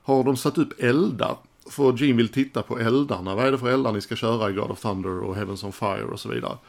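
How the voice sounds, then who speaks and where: A man's voice: mid-range voice, vocal fry. A man giving casual, frank commentary as a music collector, swearing casually as he talks through old footage.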